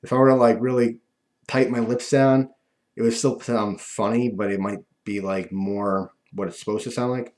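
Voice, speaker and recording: A man talking casually and ramblingly to viewers, with a lispy voice from missing front teeth that softens his F and V sounds. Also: lowish voice, fairly even intonation, moderate pace. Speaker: video host.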